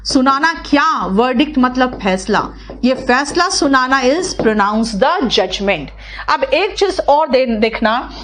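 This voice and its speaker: A woman teaching English in a live online class, explaining in Hindi with English terms, fast and chatty, calling her students "beta" and repeating key words. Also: sits high.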